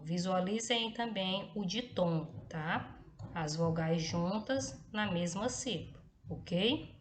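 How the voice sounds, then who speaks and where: A woman teacher with a Brazilian Portuguese accent talks a class of young pupils through a lesson in a calm, mid-pitched voice. She explains step by step and checks in after almost every phrase. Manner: explains slowly with frequent tag checks, tá and ok. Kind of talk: recorded classroom lesson for children.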